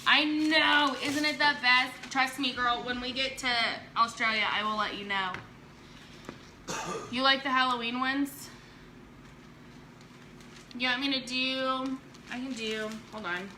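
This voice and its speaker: Lady doing a slow jokey craft livestream at home, kinda high voice, noisy background. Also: steady tone, bright, forceful tone. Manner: joking, teasing, laughs often. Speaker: live-stream host demonstrating chalk crafts. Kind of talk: casual live-stream chat with viewers.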